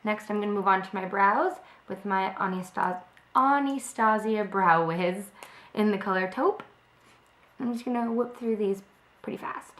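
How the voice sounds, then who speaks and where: A little sick, with her voice a bit off, a young beauty vlogger casually chats through a makeup tutorial, often saying um. Her mid-range voice is a bit bright and moves at a moderate pace. She's filmed indoors on a close webcam in her home kitchen by a window, with echoey room sound.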